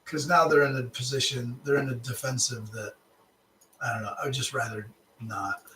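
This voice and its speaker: A man's voice: medium pitch, steady tone, normal speed, bright, forceful tone. Guy, casual phone calls and explaining, talks a bit far from the mic in an echoey room, faint background hum. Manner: chatty, restarts phrases, laughs easily. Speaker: real estate agent.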